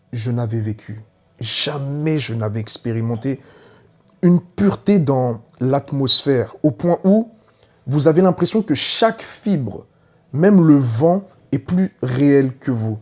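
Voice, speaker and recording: Man, testimony preacher, dramatic storyteller, hushed to shouting, warm dark voice. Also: medium pitch. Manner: dramatic storytelling, swings from hushed to loud cries. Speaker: preacher giving his testimony. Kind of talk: conversion testimony to a congregation.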